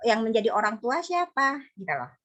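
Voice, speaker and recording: A woman's voice: on the high side, very animated, fairly quick, fairly bright tone, highs cut off. A woman in her thirties giving parenting advice in a conversational way, often acting out short dialogues between a mother and her child. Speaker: psychologist speaker. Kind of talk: parenting talk in an online study session.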